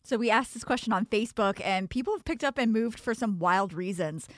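A woman's voice: medium pitch, a little fast, dry recording, clean studio sound. A woman co-hosting a radio talk show, upbeat, reading out listener stories. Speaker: radio co-host. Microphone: studio mic.

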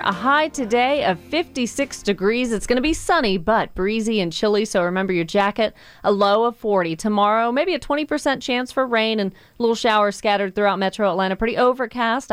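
A woman's voice: on the high side, dry recording. Woman, radio host, contest promo delivery, chatty and informal, dry close studio mic. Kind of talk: radio contest promo, live giveaway announcement. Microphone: close studio microphone.

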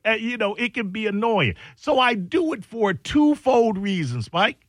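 A man's voice: sits high, normal speed, no echo, studio quality. A man hosting a radio show, telling stories in casual banter with a co-host, laughing and teasing as he goes. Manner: animated, laughing, teasing storyteller.

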